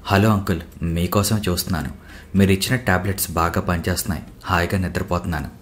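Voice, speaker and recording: A man reading the part of a poised young woman civil servant in a calm, composed, polite way. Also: deep voice, fast talker, close to an everyday voice.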